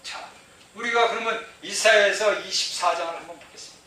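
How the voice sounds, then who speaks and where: A male pastor preaching with a very bright, sharp tone and a fairly high pitch. He is emphatic, repeating his phrases and putting rhetorical questions to the listeners. The sound is very roomy, picked up from well away from the mic. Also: a little fast. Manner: asks the congregation rhetorical questions. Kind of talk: sermon. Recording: very echoey hall, mic far off, faint noise.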